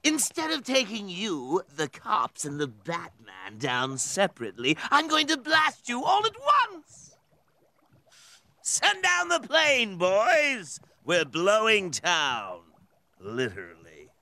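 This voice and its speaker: A cackling cartoon clown villain, high voice that's all over the place, slow drawl, loud score blasting behind. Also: male voice, huge pitch swings, creaky, exaggerated voice. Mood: gleeful menace. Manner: giggling, sing-song, swings from purring to shrieking. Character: manic cackling male clown supervillain, theatrical and cruel. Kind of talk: animated series voice acting. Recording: loud cartoon soundtrack music under the voice. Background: orchestral score and sound effects.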